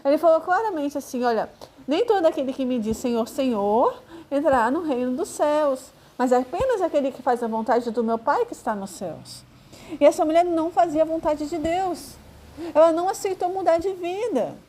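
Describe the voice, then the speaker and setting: Brief: Brazilian woman, high voice, informal Bible teaching with halting fillers. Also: expressive, dark tone. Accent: Brazilian Portuguese. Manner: conversational, hesitant with fillers, acts out quoted voices. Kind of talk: informal sermon.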